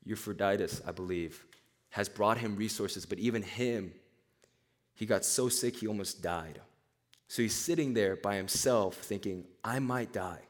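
A young man with a somewhat low voice delivers a casual sermon to a student crowd. He tells stories in a lively, conversational way, full of asides and quick jokes. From born in Korea, raised in Nashville, Tennessee. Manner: animated storytelling, chatty asides. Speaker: campus speaker.

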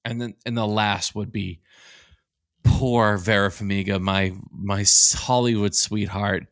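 A man's voice: on the low side, no echo, studio quality. A man from Massachusetts, co-hosting a podcast in casual chat, swearing freely and restarting his sentences. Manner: swearing, quick restarts, animated. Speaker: podcast co-host.

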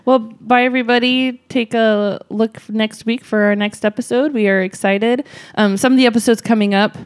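A woman's voice: a little high, fairly even intonation, moderate pace, clear, resonant tone. A woman hosting a podcast, chatting casually in a bubbly, giggly way. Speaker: podcast host. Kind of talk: casual chat.

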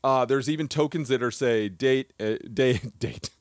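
A man co-hosting a podcast, talking in a lively, animated way and often laughing at his own jokes. His voice sits in an ordinary middle pitch. The recording is close and dry, with no room sound. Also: normal speed, no room sound. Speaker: podcast co-host. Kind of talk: casual podcast chat.

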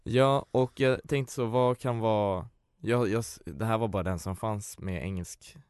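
A man's voice: on the low side, darkish tone, smooth, dry recording. A man co-hosting a casual chat, joking in a blunt and crude way. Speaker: podcast co-host.

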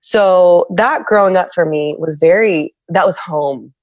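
In a reflective conversational interview, a middle-aged podcast guest from San Diego speaks low and steady. She is open and introspective, frequently stopping and beginning again as she searches for phrasing. The mic is close, the recording dry, and no room sound comes through.

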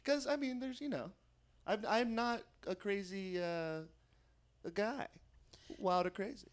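A man's voice: high-pitched, unhurried. A man in his twenties from New York State, chatting casually in a rambling, hesitant way with many fillers. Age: 20s. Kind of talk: casual chat.

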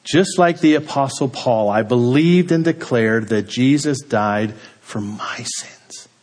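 A man delivering a sermon at a measured, unhurried pace. His voice sits in an ordinary middle register, and he lets each phrase sink to a low, quiet close. He speaks with the steady weight of a pastor addressing his congregation. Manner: slow, deliberate delivery with dramatic drops in pitch and volume at phrase ends.

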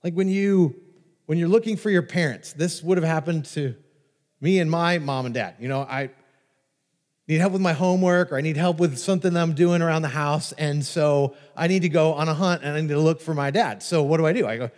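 A pastor preaching a sermon, telling stories with lively restarts and repetitions. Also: male voice, fairly high pitch, brisk. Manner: animated storytelling with repeated restarts. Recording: long reverb of a large hall.

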